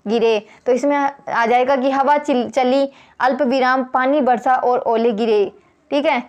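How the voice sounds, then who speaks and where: A woman teaching an exam prep lesson, explaining step by step and repeating the key points. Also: sits high. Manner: reads examples slowly.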